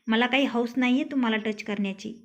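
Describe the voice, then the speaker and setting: A woman voicing a sharp-tongued, steady young wife in a storybook tale, speaking curtly and scolding. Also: fairly high pitch, fast. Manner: curt, scolding. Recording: dull lo-fi recording.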